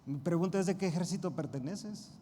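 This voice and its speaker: A fairly high-voiced man preaches to his church congregation. He drops to a hush, then rises into loud, emphatic bursts. The voice rings with a long church-hall reverb over a faint hiss. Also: brisk. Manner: addresses congregation directly as brothers. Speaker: pastor. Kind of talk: sermon. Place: church sanctuary.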